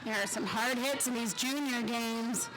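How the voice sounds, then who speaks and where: Lady w a high voice chatting thru the derby action. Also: normal speed, poor audio. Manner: lively, chatty play-calling. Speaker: color commentator. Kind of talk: live sports commentary.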